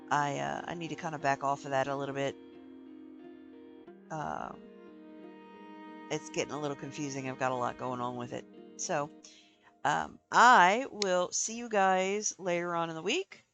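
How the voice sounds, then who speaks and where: A woman's voice: deep voice, creaky. A woman game streamer chatting casually and sleepily, meandering with lots of ums. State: sleepy, yawning. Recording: game music playing behind.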